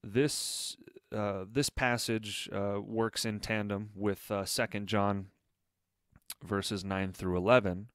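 Man, low and clear, earnest commentary with many fillers. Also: little pitch movement, slow, no room sound, studio quality. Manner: earnest, with frequent fillers and restarts. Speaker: online commentator. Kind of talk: critical commentary video.

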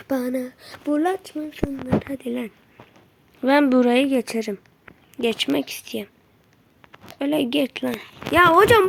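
High-voiced woman yelping through gameplay. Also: creaky. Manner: excitable, yelps and mutters at the game; slangy and teasing, talks to enemies. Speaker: gameplay streamer. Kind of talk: live gameplay commentary.

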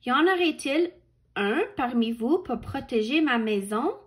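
Polite male hermit crab for a storybook read-aloud, voiced by a woman: courteous, admiring, unhurried, slightly high. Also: expressive.

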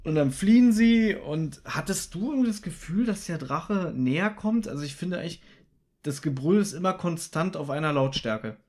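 A man with a fairly high voice speaks at a moderate pace as a podcast co-host. He casually retells the plot of a radio play in detail and discusses it, getting animated whenever he jokes.

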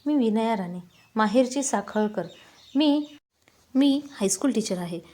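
A woman voicing a remorseful grown daughter, a tearful schoolteacher, in a slow, heavy, confessional way. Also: a little high, animated, mellow.

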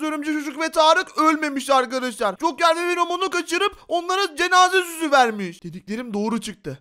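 A young man narrates his Minecraft adventure in a very high, bright voice. He talks excitably and dramatically, and he keeps turning to his viewers as friends. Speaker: gaming YouTuber. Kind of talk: Minecraft role-play commentary.

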